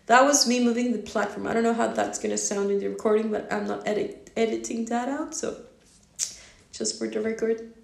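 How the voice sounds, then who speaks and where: A woman's voice: on the high side, steady tone, brisk, gravelly, reverberant. A woman talking casually on her own into a phone on a stand, rambling with lots of fillers and laughs. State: yawning, drowsy. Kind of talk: casual solo talk.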